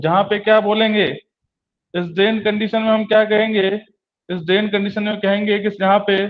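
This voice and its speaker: A male lecturer giving a classroom lecture, repeating key terms slowly and asking and answering his own questions. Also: sits high. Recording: dull lo-fi recording.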